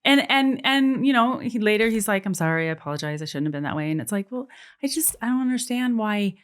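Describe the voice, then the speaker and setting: Speaking fast and animatedly in a mid-range voice, this woman in her forties is a podcast guest, an adoptive mother and author who grew up in a US military family. The conversation is casual, and she's earnest and reflective, often repeating words as she thinks.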